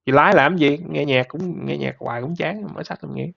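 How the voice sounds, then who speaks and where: A laid-back man, chatting casually on a podcast in a gravelly voice with a bit of vocal fry. He rambles easily and laughs often. The recording sounds somewhat dull and lo-fi. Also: a little high, brisk, a bit bright. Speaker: podcast host. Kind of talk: casual chat.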